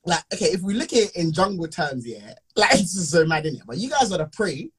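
A man's voice: sits high, very animated, fairly quick, breathy edge. A young man with a London roadman accent and urban slang, bantering casually, repeating phrases and ending on tag questions.

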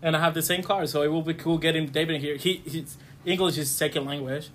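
Halting, slightly high-voiced man. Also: steady tone, a bit bright, slight background noise. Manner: halting, with restarts, laughs along. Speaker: podcast co-host. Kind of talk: casual podcast chat.

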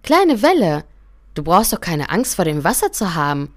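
A woman's voice: low voice, expressive, a little fast, fairly bright tone, no room sound, clean studio sound. A woman voicing a large, kind wave in a storybook tale, reassuring a smaller one. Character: big calm wave, kindly and reassuring.

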